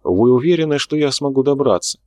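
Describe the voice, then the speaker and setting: A man's voice: medium pitch, animated, brisk, a little mellow, dry recording, voice pushed up, natural voice. A man doing a worried young woman on a secret mission, asking anxious, pleading questions in a dry, close voice.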